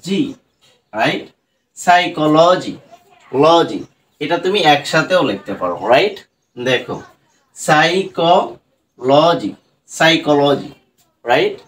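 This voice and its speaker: An English teacher with a Bangladeshi accent runs an online pronunciation lesson in Bengali, his slightly high voice carrying a fairly bright tone. He goes letter by letter through each word and often asks "right?", while a faint hiss runs underneath.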